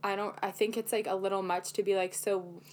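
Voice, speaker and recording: A woman's voice: mid-range voice, little pitch movement, fast, darkish tone, slight background noise. A young woman co-hosting a podcast, telling a dating story in a chatty, self-mocking way with lots of fillers. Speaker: podcast co-host. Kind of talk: casual chat.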